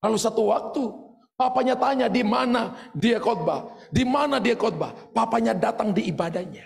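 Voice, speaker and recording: Indonesian pastor guy preaching, high gravelly voice, gets shouty, big echoey church hall. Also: normal speed. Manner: animated storytelling, shouting at peaks. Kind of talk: sermon.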